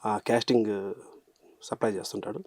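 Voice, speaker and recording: A man's voice: lowish voice, steady tone, fairly quick, a little mellow, no echo. A man with a Rayalaseema Telugu accent, an actor chatting in an interview, hesitant with many fillers. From Rayalaseema, Andhra Pradesh. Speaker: actor guest. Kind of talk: casual interview chat.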